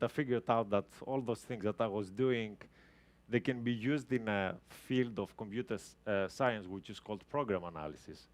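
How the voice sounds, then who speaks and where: A man from Greece with a lowish voice, Greek being his first language, speaks as a guest at a tech talk before a live audience, explaining casually and often restarting his sentences.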